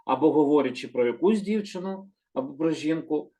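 A man gives a gentle, unhurried lesson and explains each word with patience. He often slows down to repeat terms and corrects his own slips. His voice sits a little higher than most men's. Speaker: Hebrew teacher. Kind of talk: calm slow explanatory lesson.

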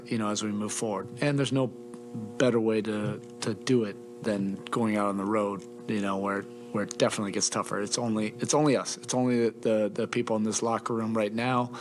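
A middle-aged man answers reporters after a game, his lowish voice picked up by a table mic in a press room. He talks in a measured, halting way, with many fillers and restarts, and a little music sits faintly behind him. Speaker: head coach. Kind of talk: postgame press conference.

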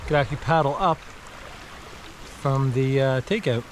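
A man casually narrating a kayaking trip from his boat on a river, talking in a relaxed, offhand way with plenty of fillers. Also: mid-range voice. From Canada. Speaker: kayaking vlogger. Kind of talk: casual narration while paddling. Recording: loud water noise outdoors. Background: rushing water and rain.

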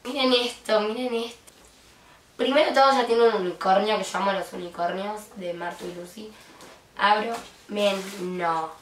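A young woman from Argentina with an Argentine accent, gushing excitedly as she opens gifts in a vlog. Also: medium pitch, normal speed, reverberant, far from the mic. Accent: Argentine Spanish. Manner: gushing, excitable, with frequent squeals. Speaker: vlogger. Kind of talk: unboxing vlog.

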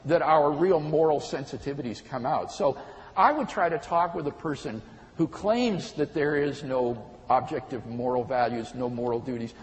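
A man giving an earnest, measured talk on moral philosophy, illustrating his points with stories. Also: mid-range voice, long reverb tail, poor audio. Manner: measured and earnest, storytelling examples. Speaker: speaker on philosophy. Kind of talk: explanatory talk.

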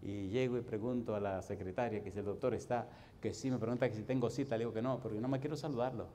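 A middle-aged man preaching a sermon as pastor, animated and swinging from soft to loud. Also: lowish voice, quick pace, a little hiss or hum.

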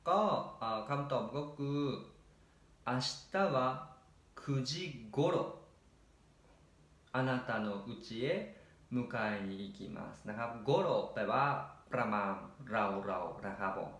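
A man, teaching Japanese grammar by explaining each answer patiently and reading example sentences slowly. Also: medium pitch, a bit bright, roomy sound. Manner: patient, repeats "นะครับ" often and reads example sentences slowly.

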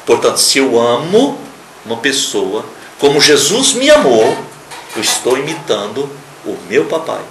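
A man preaching a sermon on a local television program, emphatic, swinging between loud stressed words and quiet asides. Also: medium pitch, reverberant, a little hiss or hum, low-quality recording.

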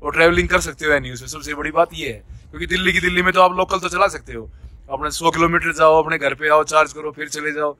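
A man's voice: fairly high pitch, steady tone, fast talker, bright, forceful tone, no echo. Chatty man vlogging on a mountain road. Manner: chatty, easygoing, says "bhai" often. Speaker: travel vlogger. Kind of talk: casual vlog talk. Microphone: phone held at arm's length. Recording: faint outdoor noise.

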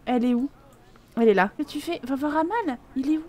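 A young woman giving chatty, excitable commentary while playing a life simulation game, laughing often and exclaiming. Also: high voice, quick pace. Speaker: gaming video host. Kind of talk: casual Let's Play commentary.

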